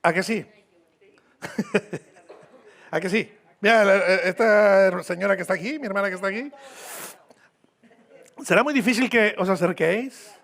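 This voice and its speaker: A man's voice: high-pitched, unhurried, creaky, pauses often, fairly bright tone. A man from Mexico with a Mexican accent, preaching a sermon as a visiting pastor in a church, informal and joking, repeating phrases for emphasis. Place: church hall.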